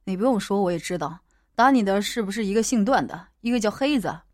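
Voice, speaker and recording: A woman voicing a gloomy middle-aged male gang boss with a low, blunt and cold manner, as a character in an audiobook. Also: animated, quick pace, dry recording, clean studio sound, close to an everyday voice. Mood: heavy, weary.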